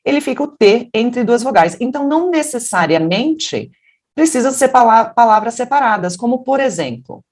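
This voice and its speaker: A woman from Brazil teaching English pronunciation, explaining patiently and then modeling English words in a deeper voice. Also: sing-song, normal speed, a little mellow. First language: Portuguese. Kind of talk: pronunciation lesson.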